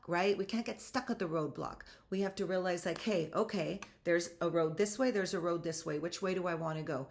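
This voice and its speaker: A woman hosting a solo motivational podcast, talking straight to her listeners in an energetic, emphatic, chatty way. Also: fairly low pitch, creaky. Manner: energetic, emphatic, rising to excited outbursts; chatty, addresses listeners directly. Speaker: podcast host.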